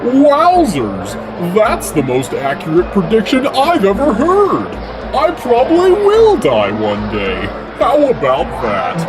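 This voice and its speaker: A woman's voice: medium pitch, wildly swooping pitch, takes it slowly, over music, a crowd in the background, low-quality recording. A woman playing an overexcited, naive customer in an exaggerated comedy radio ad. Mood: amazed, cheerful.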